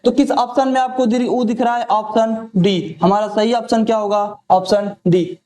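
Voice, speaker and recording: Male tutor, very high pitch, question-and-answer drilling style, roomy echo. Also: a little mellow. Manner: asks a question, then answers it himself. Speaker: teacher. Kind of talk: exam-prep lesson. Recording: echoey room.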